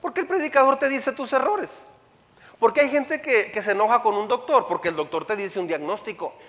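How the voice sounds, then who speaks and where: A man preaching a sermon to a congregation in a lively way, asking rhetorical questions, acting out quotes, and often stumbling over and repeating words. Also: very high voice, a little fast. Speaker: pastor. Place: church hall. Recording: preaching in a hall with long reverb.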